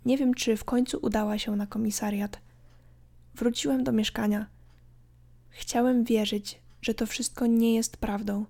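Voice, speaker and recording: A woman narrating a scripted horror story in a calm, measured way. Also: fairly high pitch, creaky. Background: faint background music.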